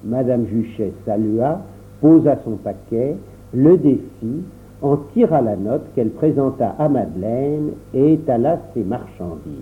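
A man narrates a children's story in a measured, storytelling way. His pitch is animated and varied. The sound is thin and phone-like. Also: a little hiss or hum. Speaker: audiobook narrator. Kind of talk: reading a children's novel aloud.

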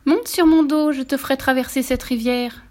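A woman voicing a cunning fox who coaxes in a wily, drawn-out way. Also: sits high, steady tone, warm tone, pitched above the performer's own voice, natural voice. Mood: coaxing. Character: sly smooth-talking fox.

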